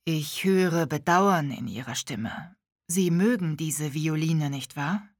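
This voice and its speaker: A woman voicing a kindly, mysterious old man who speaks slowly and thoughtfully. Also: deep voice, dry recording, studio quality. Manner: slow, thoughtful delivery.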